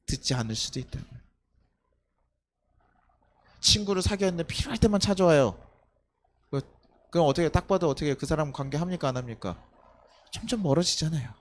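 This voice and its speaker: A young man preaching at a night service as pastor, talking with the congregation, asking rhetorical questions and sometimes acting out scolding a child. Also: sits high. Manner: acts out scolding a child with loud outbursts. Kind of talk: sermon.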